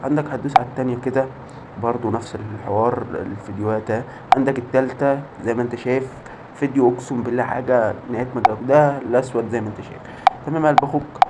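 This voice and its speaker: A man with an Egyptian accent rattles through an app walkthrough at breakneck speed, bragging and circling back to the same pet phrases. His voice sits at an ordinary pitch, and a steady noise hisses under the recording. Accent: Egyptian Arabic. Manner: rapid, boastful, repeats catchphrases. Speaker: YouTuber showing off a modded app. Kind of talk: hyped screen walkthrough.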